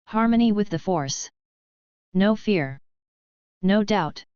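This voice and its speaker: A woman's voice: mid-range voice, animated, slow, darkish tone, smooth, no room sound. A woman reading a scoffing young Sith man. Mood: wry. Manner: wry, scoffing. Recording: slightly dull, dry recording.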